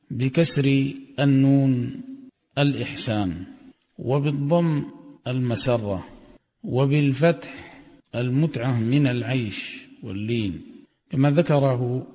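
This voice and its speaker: A man giving a religious lesson, reading a text aloud and explaining it in a measured way, chanting the quoted passages. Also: mid-range voice, warm tone, husky. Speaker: religious teacher. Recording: dull audio with long hall reverb.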